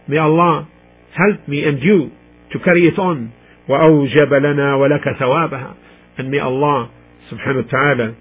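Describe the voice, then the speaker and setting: A man lectures on religion through a narrow, tinny, radio-like channel. His voice is husky and his phrasing is deliberate, with pauses as he recites and then translates phrase by phrase. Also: on the high side. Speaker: Islamic lecturer. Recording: muffled, tinny radio-like sound.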